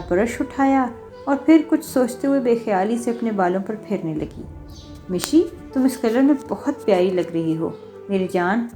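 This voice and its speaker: Woman narrating an audio novel, slightly high. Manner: steady storytelling. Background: faint music.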